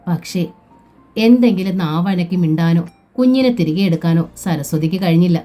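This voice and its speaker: A woman reading a family novel aloud in a steady, measured storytelling voice. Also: fairly low pitch. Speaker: narrator.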